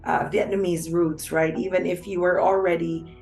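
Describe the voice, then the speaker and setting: Low-voiced woman host. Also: little pitch movement, normal speed, gravelly, a little mellow, soft background music. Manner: attentive, frequent back-channel murmurs. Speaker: interview host. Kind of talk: interview.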